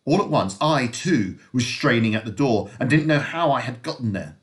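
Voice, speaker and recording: A male teacher reading a novel aloud to his class, expressive and lively, with occasional slips. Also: medium pitch, moderate pace.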